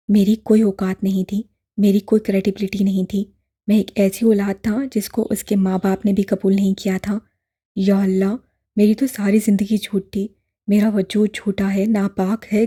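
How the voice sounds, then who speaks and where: A woman voicing a distraught young man who pleads and shouts in despair, in an audiobook drama. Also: mid-range voice, level tone, normal speed, slightly rough, close to an everyday voice. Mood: desperate.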